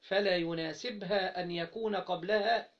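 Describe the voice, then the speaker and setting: A man with an Egyptian Arabic accent teaching Arabic grammar in an interactive lesson, prompting students to finish his sentences and drawing out example words slowly. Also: sits high, steady tone. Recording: dull lo-fi recording.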